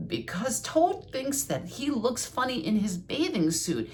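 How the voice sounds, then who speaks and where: A woman's voice: fairly high pitch, very animated, measured pace, a little mellow, faint music behind, pitched above the performer's own voice. An older woman voicing a friendly, fun-loving male frog in a storybook, earnest and polite. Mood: earnest, apologetic.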